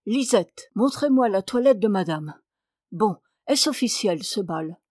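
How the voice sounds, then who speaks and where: A woman's voice: medium pitch, animated, measured pace, darkish tone, no echo, clean studio sound. A woman reading aloud, voicing a haughty, self-important male hairdresser who talks down to his clients. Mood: pompous. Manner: pompous, condescending. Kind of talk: audiobook character reading.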